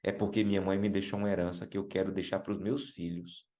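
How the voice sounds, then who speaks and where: A Brazilian man preaching a sermon, emphatic, repeating key words and calling listeners brothers, slowing to stress lines. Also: level tone, mellow. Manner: emphatic, rises in pitch and slows down for stressed phrases.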